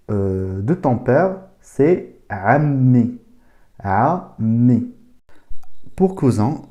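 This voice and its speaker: A man giving a casual spoken language lesson, saying each word slowly and repeating it several times. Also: lowish voice, mellow. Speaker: language teacher.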